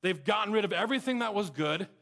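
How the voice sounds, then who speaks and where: A man preaching a sermon, retelling scripture with dramatic swings from loud emphasis to hushed, near-whispered lines. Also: sits high, expressive, quick pace, vocal fry.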